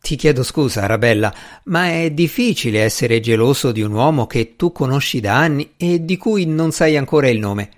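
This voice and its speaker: Man voicing a proud young magician, dry, sardonic, animated voice, audiobook. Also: medium pitch, normal speed, hardly any pauses, natural voice. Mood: bemused. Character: proud young male magician, scornful and sharp.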